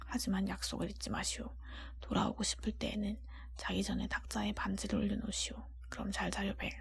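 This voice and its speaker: A woman voicing a gentle, lovelorn male beast from a storybook in a hushed, breathy whisper, formal and tender. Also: mid-range voice, level tone, brisk, close to an everyday voice. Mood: resigned, sorrowful.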